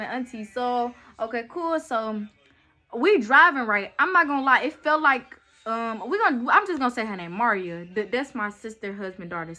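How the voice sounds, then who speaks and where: A young woman with a bright, ringing voice tells a storytime to her viewers. She talks in a loose, chatty way and keeps turning to the audience. Her voice sits a little high. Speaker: vlogger telling a story. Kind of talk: casual storytime chat.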